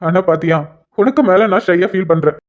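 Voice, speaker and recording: A woman voicing a shy young husband in a cartoon, speaking softly and apologetically one moment and teasing his wife the next. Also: lowish voice, a little fast, lightly acted. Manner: soft, apologetic then playfully teasing. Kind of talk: cartoon dialogue voice acting. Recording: dull lo-fi recording.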